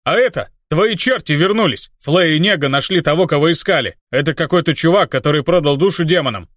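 A man reading an audiobook, voicing an excitable, crude-talking young male gamer friend. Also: on the high side, a little fast, no echo, studio quality. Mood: excited. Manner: loud and crude.

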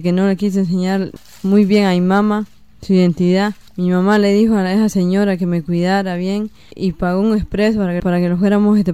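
Halting young Nicaraguan woman, flat and mellow. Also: medium pitch, smooth, no room sound. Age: young adult. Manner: halting, many "este" fillers. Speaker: interviewee giving testimony. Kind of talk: personal testimony.

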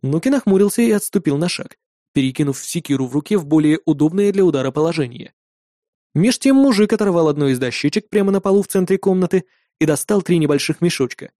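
Man narrating a fantasy story, mellow. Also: on the high side, expressive, quick pace, no room sound, studio quality. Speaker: audiobook narrator. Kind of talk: first-person fantasy narration.

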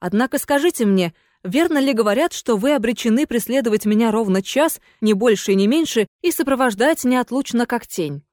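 A woman narrator voices a young gentleman who stays calm and courteous while he speaks coldly. Her delivery keeps him measured and unhurried. The recording is dry and close. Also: fairly high pitch, dry recording, lightly acted. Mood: polite. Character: cool, polite, scheming young gentleman. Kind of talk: audiobook character voice.

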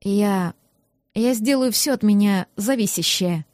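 A woman voicing a weary, sullen young male mage who answers curtly and reluctantly in a lowered voice. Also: unhurried, a little mellow, no room sound, clean studio sound, natural voice. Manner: reluctant, curt.

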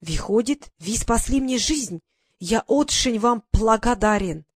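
A woman voicing a strong foreign man in uniform who speaks slowly and formally in broken Russian, in a storybook reading. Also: a little high, animated, no room sound, clean studio sound. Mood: wary. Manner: slow, emphatic, formal.

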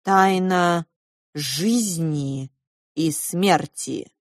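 A woman voicing a brooding, thoughtful grown man who speaks in slow, measured phrases. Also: lowish voice, no echo, clean studio sound. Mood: grave.

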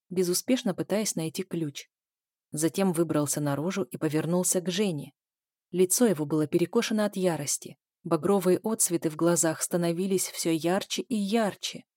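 A woman narrates an audiobook in a measured, dramatic way. Her voice is mellow and dark, and the recording is close and dry with no room sound. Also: on the low side, dry recording. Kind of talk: scripted narration.

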